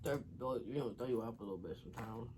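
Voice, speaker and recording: A woman's voice: extremely low pitch, quick pace, noisy background. A woman vlogger talking casually and slangily to viewers while she eats, rambling between savoring hums. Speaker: mukbang vlogger. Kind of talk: casual eating-show chat to viewers.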